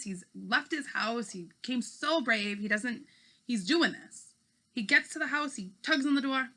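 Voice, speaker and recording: A woman teacher with a medium-pitched, pushed, bright voice reads aloud to fifth graders like a schoolteacher. She mixes storybook narration with informal explanation, stressing key words and checking in with her listeners.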